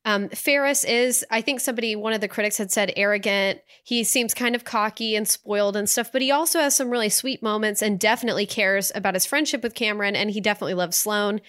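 A woman co-hosting a film review podcast, chatting in an animated way with frequent fillers. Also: medium pitch, fast, hardly any pauses. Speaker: podcast co-host. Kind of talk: casual film review chat.

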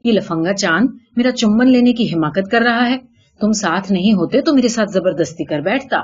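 A woman's voice: mid-range voice, expressive, darkish tone, breathy edge, highs cut off. A woman voicing a vain, coy female jackal who complains indignantly and pleads with her husband in a told folk tale. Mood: indignant pleading.

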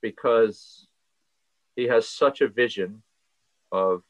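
A man appears as a podcast guest in an earnest conversational interview, speaking passionately and thinking aloud with fillers. His medium-pitched voice moves slowly, heard over a tinny, phone-like, dry line.

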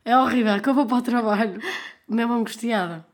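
Young woman, European Portuguese accent, rapid talker, fairly high voice, rough from a cold, animated storyteller. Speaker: podcast co-host. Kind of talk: casual chat.

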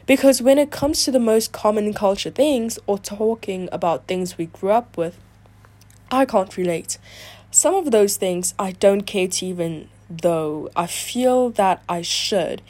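Chatty woman reading confessions aloud. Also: lowish voice. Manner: chatty, filler-heavy talk with frequent "like"; animated, reactive asides between read passages. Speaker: video creator.

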